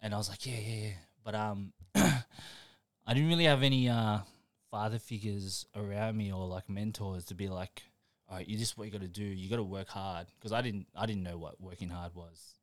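A man's voice: on the low side, moderate pace, no echo, studio quality. A young man, a podcast guest chatting casually, laid-back and laughing often as he trails off mid-sentence. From New Zealand. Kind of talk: casual chat.

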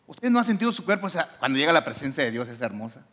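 Pastor guy preaching, voice jumps all over, kinda high. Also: very animated, very fast, a bit bright. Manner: emphatic preaching, voice swinging up and down. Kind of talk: sermon.

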